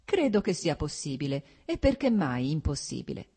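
A woman's voice: low voice, big pitch swings, normal speed, warm tone, husky, full character voice. A woman voicing a genial, worldly nobleman who talks in a jovial, teasing way.

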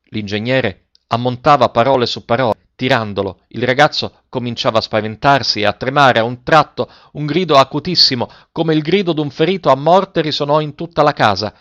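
A man narrating a story in a measured, dramatic reading style. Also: medium pitch, fairly bright tone, dry recording, dull audio.

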